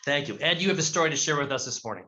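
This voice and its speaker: A man's voice: fairly high pitch, animated, racing, sharp tone. A man hosting a live online event, chatty and friendly as he introduces guests and tells an anecdote. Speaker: host.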